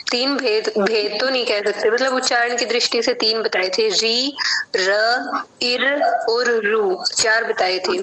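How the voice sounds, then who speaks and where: Slow-speaking woman student asking politely. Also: fairly high pitch, fairly bright tone, slight background noise, poor audio. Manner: polite, respectful questioning. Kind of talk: asking questions in an online class.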